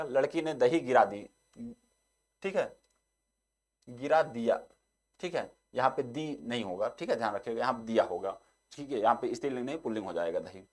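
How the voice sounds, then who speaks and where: A young male teacher takes students through an exam-prep lesson at a mid pitch. He keeps coming back to the same short filler. When he reads an example sentence aloud, he slows it down.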